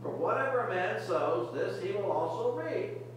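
Casting: older male preacher, high voice, earnest sermon delivery, distant mic in a reverberant sanctuary. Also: animated, moderate pace, slight background noise. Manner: earnest, repetitive exhortation with frequent restarts. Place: church sanctuary, medium size, indoors. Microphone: podium mic, camera far at back of room. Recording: very echoey distant church recording.

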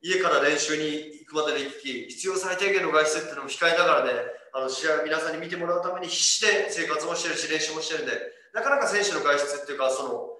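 A man in his thirties from Kagoshima, Japan, hosts a casual livestream as a club ambassador, reading viewer comments aloud. He laughs often and jokes about himself in a fairly high, bright, forceful voice, talking quickly with hardly any pauses. The room he's in is echoey.

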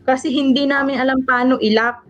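A woman from the Philippines speaks in a high voice as an interview guest. She is a caregiver, and she tells of surviving an attack in an earnest, shaken and polite way, going through each event step by step. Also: fairly even intonation, brisk, dull audio. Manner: polite, adds respectful particles and retells events step by step; earnest and shaken while recounting. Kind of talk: emotional first-person testimony in an interview.

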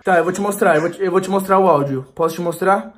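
A man's voice: high-pitched, fast talker, a little hiss or hum. A young man pleading on a prank phone call, anxious and slangy. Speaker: vlogger pranking his girlfriend.

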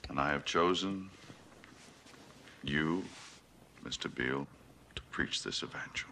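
In hushed, persuasive tones, a male actor plays a domineering middle-aged American corporate mogul preaching a grand theatrical film speech, each phrase deliberate and stressed. His medium-pitched voice has a sing-song lilt and a little brightness, with slight noise in the background.

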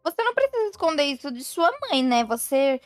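A woman's voice: high voice, big pitch swings, fairly quick, no room sound, faint music behind. A woman voicing a caring, fussy mother and aunt in a game roleplay, full of exclamations. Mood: scolding. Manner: fussing, exclamatory. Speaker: roleplay player.

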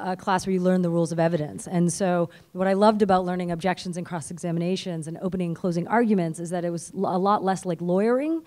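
Chatty low-voiced woman on a panel. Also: darkish tone. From Canada. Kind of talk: panel talk. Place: stage in a convention hall. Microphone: handheld mic.

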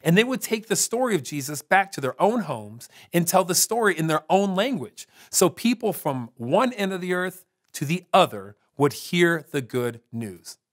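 A man hosting a children's church program, telling a Bible story in an upbeat, animated way. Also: high voice, normal speed, hardly any pauses. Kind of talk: storytelling for kids.

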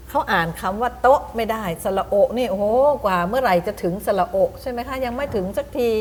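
A middle-aged woman teacher giving a lecture to other teachers. She explains reading methods, spells words out slowly with demonstrations and often puts questions to her audience. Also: fairly high pitch.

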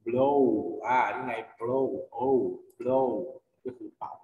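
Thai-accented male teacher, slow and patient phonics lesson, roomy reverb. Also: mid-range voice, level tone, darkish tone, lo-fi sound, a little hiss or hum. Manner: patient, spells words letter by letter, asks and answers own questions. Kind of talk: online English phonics lesson for children. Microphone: computer mic for online class. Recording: echoey, reverberant room.

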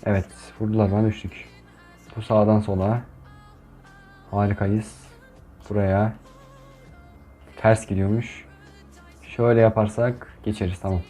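A young man commenting on his gameplay in a casual, chatty way, who gets frustrated and shouts at opponents. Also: fairly low pitch, little pitch movement, measured pace, long pauses, soft background music. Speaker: gaming YouTuber.

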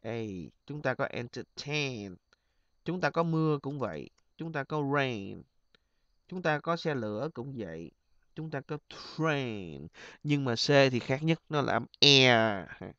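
A man teaching an exam review lesson, stretching out example words slowly and then explaining them in quick asides. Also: mid-range voice, lively intonation, no echo, highs cut off. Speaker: English teacher.

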